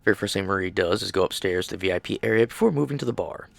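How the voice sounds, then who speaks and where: A man narrating a game playthrough, reading the text aloud and adding lively asides. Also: low-pitched, very fast, creaky, no echo. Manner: animated, reads aloud with asides. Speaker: game streamer.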